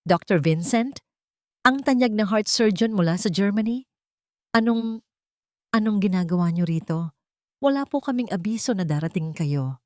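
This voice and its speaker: A woman's voice: low voice, animated, fairly quick, warm tone, no echo, studio quality. A woman voicing a cold, cruel female hospital official.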